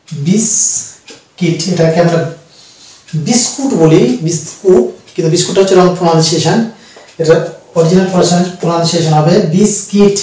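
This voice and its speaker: A man teaching English pronunciation, speaking slowly and repeating words syllable by syllable as he explains. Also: on the high side, darkish tone. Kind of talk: pronunciation lesson. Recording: echoey room, mic far off.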